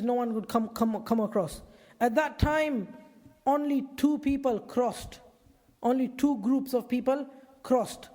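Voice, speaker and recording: A man retells a story in a sermon with animated delivery, often repeating and restarting his phrases. His voice is very high, and a long reverb trails after it as in a large hall. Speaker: preacher.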